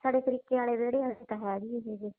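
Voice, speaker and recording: Woman taking a call, fairly high voice, blunt and scolding, heard over a phone. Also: fairly even intonation, very fast, no echo. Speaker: call recipient. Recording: tinny phone line.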